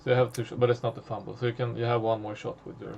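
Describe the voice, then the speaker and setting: Gravelly male game master, hesitant, filler-heavy delivery. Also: mid-range voice, little pitch movement, lo-fi sound, background noise. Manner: halting, many fillers and restarts. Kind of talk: narrating a tabletop horror game.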